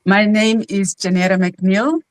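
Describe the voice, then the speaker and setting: A woman in her fifties from South Africa, a grandmother, introducing herself warmly on a live video call panel. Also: medium pitch, unhurried, no echo. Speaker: guest, registered nurse and mentor.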